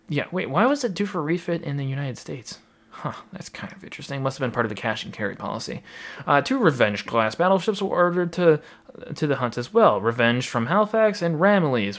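A man's voice: medium pitch, a bit bright. A man casually narrating naval history, with lots of fillers, restarts and wry asides. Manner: rambling, many fillers and asides, wry humor.

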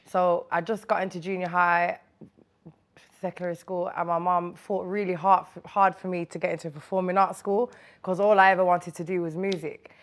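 A music artist from Birmingham, England, is interviewed, talking casually with a local accent and plenty of slang. Her voice sits fairly low, delivered flatly at a moderate pace, as she chats and tells personal stories.

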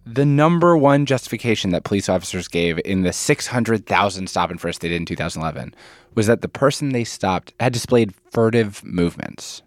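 A man hosting and narrating a scripted documentary, telling the story in measured phrases with key words stressed. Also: lowish voice, lively intonation, no echo. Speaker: narrator and host.

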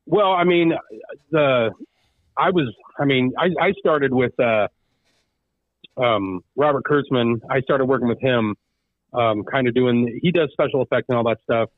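Interviewed over a tinny phone line, a guest who owns a haunted attraction rambles through his answers with plenty of ums and restarts. His mid-range voice is a little slow and has no room sound.

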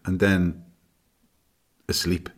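A man's voice: deep voice, flat delivery, extremely slow. A middle-aged man co-hosting a podcast, making dry, wry remarks in casual chat. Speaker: podcast co-host.

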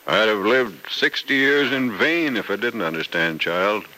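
A man's voice: fairly low pitch, lively intonation, a little slow, poor audio. A fatherly man of sixty. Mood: consoling. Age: 60s. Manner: gentle, reassuring, fatherly. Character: kindly older man, fatherly, patient and steady. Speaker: radio drama actor. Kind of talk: 1940s radio acting.

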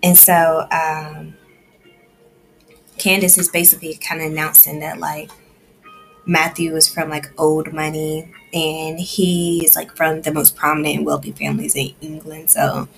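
A woman with a low voice, little pitch movement, and vocal fry speaks at a measured pace while soft music plays behind her. As a book summary vlogger, she gives a casual, rambling recap of a novel's plot, full of "like" and "you know."

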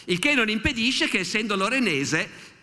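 Older male lecturer with a bright, lively voice, storytelling at a podium, with the long echo of a hall. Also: high-pitched, moderate pace. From Italy. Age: 60s. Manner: lively storyteller, quotes historical witnesses in animated asides. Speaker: history lecturer. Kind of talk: public history lecture.

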